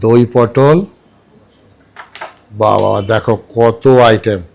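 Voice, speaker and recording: A man's voice: on the low side, fairly even intonation, extremely slow, vocal fry. Chatty man eating at a restaurant. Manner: chatty, repeats dish names, asks viewers "okay?". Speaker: food vlogger. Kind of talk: casual food vlog chat. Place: restaurant table, indoors.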